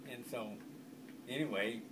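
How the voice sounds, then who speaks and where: Recorded from far off amid heavy background noise, a grandfather with a rural Southern American accent tells family stories in informal, rambling country-yarn fashion. His folksy voice is medium-pitched and measured in pace.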